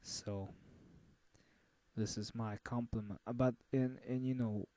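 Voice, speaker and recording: A man giving a casual album review, halting and full of fillers and restarts. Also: medium pitch, steady tone, warm tone, no echo. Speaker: music reviewer.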